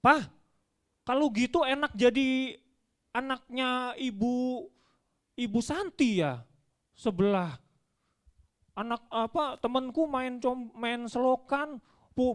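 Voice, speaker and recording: A man's voice: very high-pitched, voice pushed up. A man doing a whiny little boy. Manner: sulky, protesting. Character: whiny young boy complaining to father.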